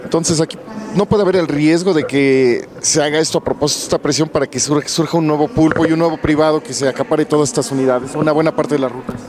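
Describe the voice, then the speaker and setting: A man's voice: a little high, steady tone, fast talker. Skeptical male reporter amid chatter. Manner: pointed, skeptical questioning. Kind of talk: press interview questions. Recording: crowd chatter behind.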